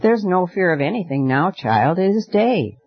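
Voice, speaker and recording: A man's voice: sits high, very animated, husky, no room sound, voice pushed up, heavily acted. A man playing an arrogant young hunter. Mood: careless arrogant. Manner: brisk, offhand and dismissive. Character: arrogant golden-haired young male hunter. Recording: dry, dull lo-fi recording.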